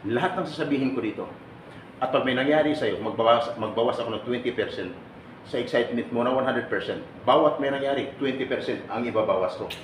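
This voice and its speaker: A man's voice: medium pitch, fast talker. A man giving a joking seminar talk to overseas workers, teasing and quizzing the audience and laughing often. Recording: echoey room with loud ambient noise.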